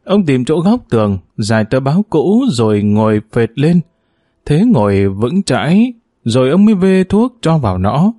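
Man, audiobook narrator, mellow voice, lively intonation, measured storytelling, dry close recording. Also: medium pitch, dry recording.

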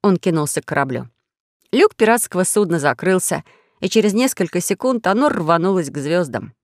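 A woman reads a children's story aloud in an expressive storytelling manner. Her voice sits slightly low. The recording is dry and close. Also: brisk, no echo. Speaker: narrator. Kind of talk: audiobook story reading.

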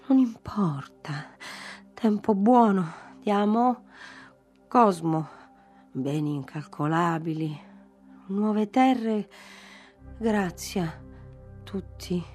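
A woman reading the lines of a gentle, courteous young nobleman in a literary audiobook, in a soft, kindly voice. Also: fairly low pitch, husky, exaggerated voice. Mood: delirious.

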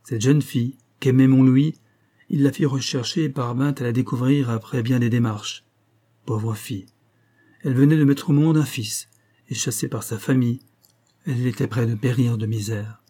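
A man narrating a classic novel as an audiobook, in a measured, dramatic storytelling manner. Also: medium pitch, steady tone, warm tone, husky.

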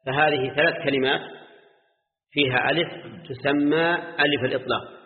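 A man's voice: a little high, fairly even intonation, a little fast. An older man gives a Quran exegesis lesson in a classroom. He explains step by step, checks on his students and chants the verses. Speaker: Quran teacher. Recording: tinny lo-fi recording in an echoey hall.

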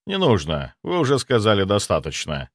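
A man voicing a cold, sardonic male necromancer who speaks in a measured, mocking way. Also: mid-range voice, big pitch swings, dry recording, studio quality, lightly acted.

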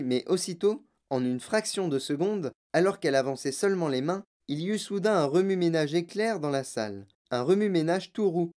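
A woman narrating a children's novel in an expressive storytelling way. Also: deep voice. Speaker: reader.

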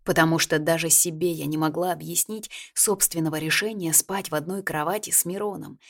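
A woman reading a first-person novel aloud as an audiobook, lively and expressive. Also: sits low, a little fast. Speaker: audiobook narrator.

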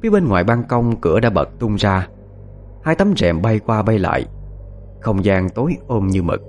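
A man narrating a first-person ghost story in a hushed, suspenseful, expressive way. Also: lowish voice, moderate pace, faint music behind.

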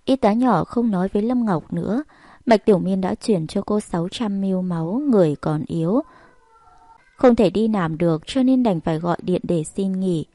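A woman narrating an audiobook story in a steady, even reading. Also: mid-range voice, normal speed, dry recording.

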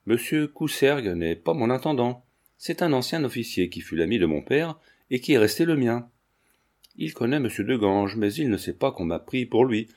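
A man's voice: medium pitch, expressive, moderate pace, darkish tone, close to an everyday voice. A man voicing an indignant young marquise. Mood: earnest. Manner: reproachful, proud. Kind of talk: audiobook character voice.

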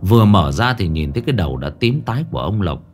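A man narrating a horror story in a dramatic, expressive way. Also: deep voice, fast talker, breathy edge, faint music behind.

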